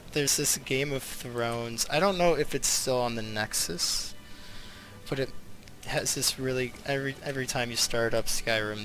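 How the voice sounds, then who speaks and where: A streamer with a fairly low voice gives casual live commentary on a video game, rambling and thinking aloud with halting pauses.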